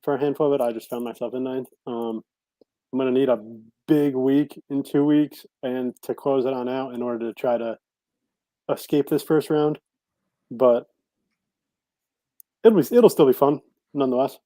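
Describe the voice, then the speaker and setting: Mellow-voiced man rambling through a race recap. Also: mid-range voice, normal speed, pauses often, no room sound, rough recording. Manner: rambling, corrects himself. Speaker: podcast co-host and sim racer. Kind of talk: casual chat.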